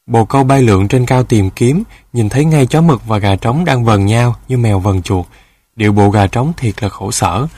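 Calm male storybook narrator. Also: mid-range voice, normal speed, breathy edge, no room sound.

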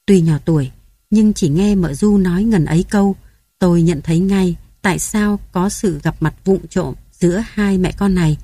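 A woman narrating a literary story in a slow, measured, solemn way. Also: lowish voice, dark tone, husky, no echo, clean studio sound.

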